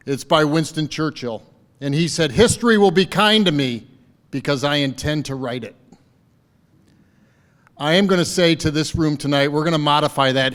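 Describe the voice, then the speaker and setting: At a party venue by a lake, a man gives a fundraiser speech, rousing the crowd with repeated calls to commit. His voice is on the high side and fairly bright, trailed by a long reverb.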